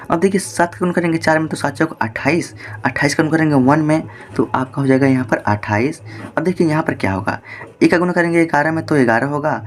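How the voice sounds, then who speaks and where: A patient male math teacher with a slightly higher voice for a man, explaining a board problem step by step. He repeats himself often and keeps asking rhetorical questions to carry the class along.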